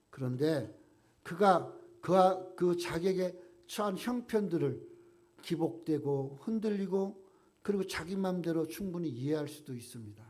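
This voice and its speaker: A man preaching a sermon as pastor, emphatic, raising his voice when he quotes God's questions and dropping low and quiet at the ends of phrases.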